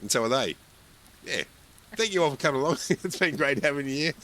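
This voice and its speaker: A man's voice: medium pitch, expressive, fairly quick, fairly bright tone. A man casually chatting and joking while playing a multiplayer game with friends, his voice a little off today. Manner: laughs often, jokey. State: voice a bit off. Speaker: streamer, co-host of a multiplayer game. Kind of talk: casual gaming chat.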